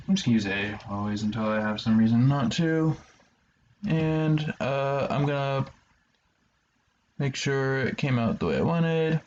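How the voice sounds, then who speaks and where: Slow, measured man teaching math. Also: medium pitch, darkish tone. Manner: slow, measured, talks himself through steps with fillers and dry asides. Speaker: math instructor. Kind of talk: lecture. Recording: roomy, slightly dull lo-fi sound with faint hiss.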